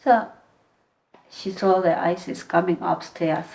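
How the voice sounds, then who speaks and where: Woman interview guest; earnest, halting storyteller, somewhat low voice. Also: fairly even intonation, creaky, darkish tone, rough recording. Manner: halting, earnest retelling with frequent restarts. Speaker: podcast guest.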